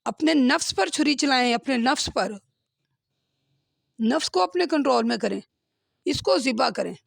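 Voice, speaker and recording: Gravelly-voiced woman teaching a Quran lesson. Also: high voice, lively intonation, measured pace, no room sound, clean studio sound. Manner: earnest, questioning, frequent "hmm?" checks. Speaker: religious teacher.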